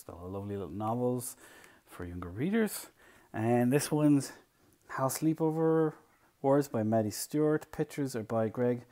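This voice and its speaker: An Irish man, a librarian, reading a picture book aloud to children. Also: medium pitch. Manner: slow, warm, animated read-aloud.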